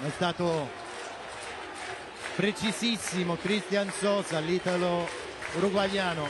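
High-pitched, breathless male football commentator over crowd. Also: steady tone, takes it slowly. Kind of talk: live Italian football penalty shootout commentary. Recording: stadium broadcast with loud crowd noise. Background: football stadium crowd.

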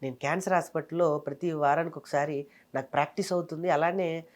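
A man in his thirties from Telangana, a comedian and mimicry artist, telling his career story in a casual interview with fast, animated delivery. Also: a little high. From Telangana, India.

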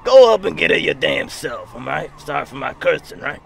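A man's voice: fairly high pitch, big pitch swings, brisk, full character voice. A man voicing a feisty, forgetful old gangster granny in a game role-play, with a wavering, elderly singsong delivery. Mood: feisty, boastful. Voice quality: creaky, wavering old-lady voice.

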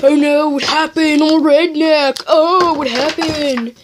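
A woman's voice: extremely high pitch, moderate pace, a bit bright, a little hiss or hum, pitched above the performer's own voice. A female speaker voicing a bumbling, panicky male redneck principal in a homemade toy skit. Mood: confused.

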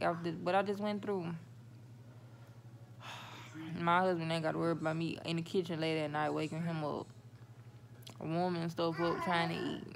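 Chatty woman talking with new braces. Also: on the low side. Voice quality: talks a little funny with braces. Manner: chatty, talks to viewers as y'all. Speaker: vlogger. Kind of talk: casual vlog update. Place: in a car. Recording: phone recording with clear car noise. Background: car and road noise.

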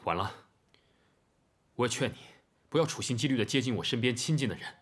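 A man's voice: mid-range voice, lively intonation, brisk, natural voice. An actor in his twenties playing a cold, resentful grown son in a TV drama, speaking with passive-aggressive sarcasm. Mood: cold resentment. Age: 20s. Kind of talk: Chinese TV drama acting.

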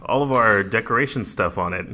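A man's voice: fairly low pitch, fairly quick, bright, forceful tone. A man co-hosting a casual podcast, joking around and often laughing. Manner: giggly, joking, breaks into laughter. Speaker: podcast co-host. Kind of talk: casual chat.

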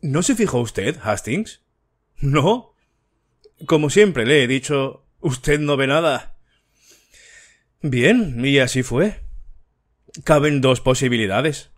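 A male narrator giving voice to a fussy older detective who explains his case in a dry, precise way. He speaks slowly and deliberately, in a mid-pitched voice, for a storybook reading. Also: animated. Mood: explaining. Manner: dry, precise, lightly lecturing.

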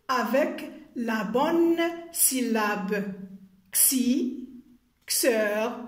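Woman, primary school teacher, phonics lesson, repeats each syllable, very slow, echoey room. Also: fairly high pitch. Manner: slow, careful, spells out and repeats sounds and syllables.

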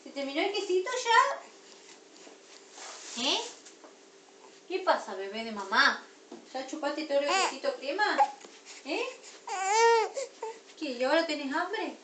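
A mother with an Argentine accent talking to her baby at home, coaxing her sweetly and scolding her gently. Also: sits high, big pitch swings, unhurried, long pauses. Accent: Argentine Spanish. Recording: roomy, distant, noisy home video.

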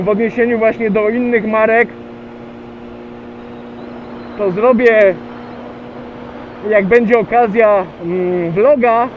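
This is casual riding-vlog narration from a high-voiced man on a motorcycle, out on the road. His chatty talk stumbles with frequent pauses and fillers, captured by a narrow, tinny helmet mic over faint wind and engine sound.

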